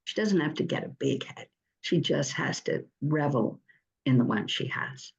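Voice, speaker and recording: A woman hosting an online poetry reading, introducing the featured poet with effusive praise and many halting fillers. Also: low-pitched, lively intonation, gravelly, lo-fi sound. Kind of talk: warm spoken introduction, reading quotes aloud.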